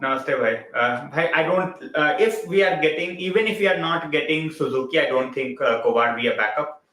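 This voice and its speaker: Man, Indian English accent, casual live-stream host, chatty, bright voice, roomy echo. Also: a little high, brisk. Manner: chatty, mixes Hindi into English, reads out and greets viewers by name.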